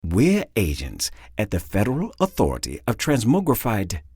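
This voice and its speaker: A calm male government agent, steady and persuasive, read by a man in a lowish voice. He keeps his words measured and firm. The recording is dry and close. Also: slightly rough, dry recording, exaggerated voice.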